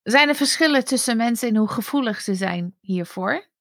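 Creaky-voiced woman podcast host. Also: a little high, expressive, normal speed, a bit bright, no room sound, clean studio sound. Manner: inquisitive, asks follow-up questions. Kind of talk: interviewing.

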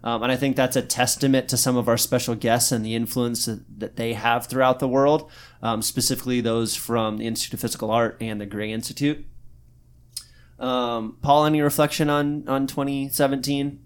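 A man's voice: mid-range voice, steady tone, moderate pace, clear, resonant tone. A man from Arizona co-hosting a casual podcast, talking loosely with many fillers and restarts. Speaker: podcast co-host, physical therapist.

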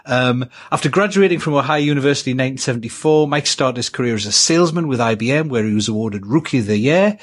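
A man hosting a podcast interview, his speech loose and conversational with the odd "um". His voice is husky, at a middle pitch for a man. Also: quick pace, hardly any pauses. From United Kingdom. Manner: conversational, with frequent "um" and warm laughs. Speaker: podcast host. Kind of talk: casual interview.

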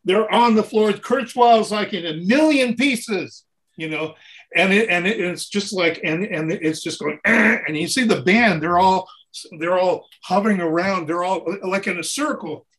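A touring keyboard player, guesting on an interview, spins animated tour stories in a notably high voice at a measured pace. Informal and lively, he performs people's lines and sounds and repeats phrases to drive his point home.

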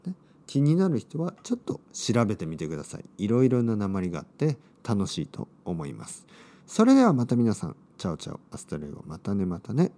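A man from Oita, Japan, teaching Japanese to learners in slow, simple, clearly spoken sentences. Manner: slow and clear, with lively swings in pitch.

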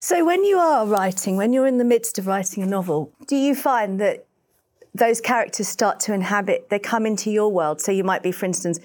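A woman's voice: mid-range voice, animated, fairly quick, darkish tone. Friendly woman interviewer asking questions. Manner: friendly, reads out fan questions.

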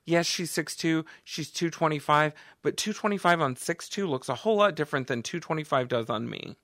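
A man's voice: fairly high pitch, dry recording, clean studio sound. A man co-hosting a podcast in casual chat, talking expressively and laughing often. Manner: chatty, expressive, quick laughs. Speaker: podcast co-host.

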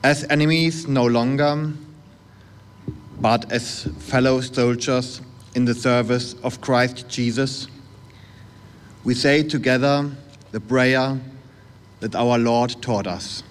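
A man's voice: medium pitch, fairly even intonation. A man, a pastor from Germany with a German accent, leading a solemn prayer phrase by phrase. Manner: measured, phrase by phrase. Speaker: Protestant pastor. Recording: background noise, live service ambience.

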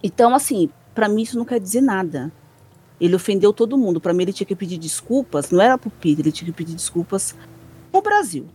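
A woman's voice: mid-range voice, sing-song, quick pace, warm tone, breathy edge. A woman with a Brazilian Portuguese accent hosting a casual podcast chat, talking in an indignant, emphatic way with many restarts.

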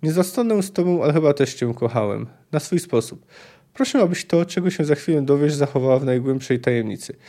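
A man reading the lines of a reserved, weary male monster hunter from a fantasy novel, quiet and restrained, in his own voice. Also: a little high, lively intonation, fairly quick. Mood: tender.

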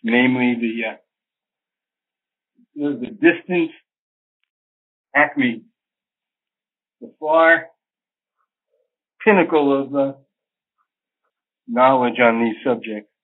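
A man's voice: medium pitch, drawn-out words, long pauses. An older man, an astrologer, giving long scholarly answers in an interview, digressive and full of fillers. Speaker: astrologer guest. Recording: phone-line sound.

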